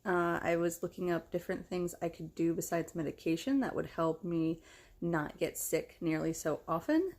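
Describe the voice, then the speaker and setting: A woman's voice: fairly low pitch, moderate pace, darkish tone. A young woman from the United States talking candidly and casually about herself, in a self-deprecating, conversational way. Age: young adult. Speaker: vlogger. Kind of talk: casual chat.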